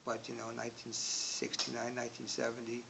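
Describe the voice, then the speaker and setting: A man in his sixties from Indonesia, speaking slowly in an oral history interview, with frequent pauses and filler words. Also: medium pitch, monotone, gravelly. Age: 60s. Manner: slow, hesitant, many filler words. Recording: audible background noise.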